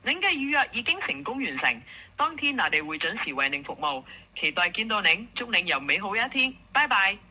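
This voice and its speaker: A woman's voice: medium pitch, very animated, a little fast, sharp tone, husky. A woman with a Hong Kong Cantonese accent speaking as an automated booking assistant, in polite, formulaic scripted customer service.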